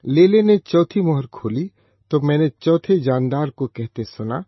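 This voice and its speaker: Husky man reading scripture solemnly. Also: a little high, expressive, no echo. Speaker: scripture reader. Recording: dull, slightly lo-fi dry recording.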